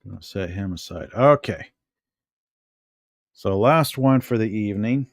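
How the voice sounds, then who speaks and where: Filming a casual home vlog, a middle-aged man from the United States shows various objects and mutters his thoughts to himself at a leisurely pace. His lowish voice is animated, recorded at studio quality with no room sound.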